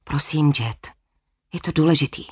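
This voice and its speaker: A woman's voice: low voice, husky. A woman voicing an awkward young man who pleads with his ex-girlfriend in hesitant, stumbling phrases. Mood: pleading.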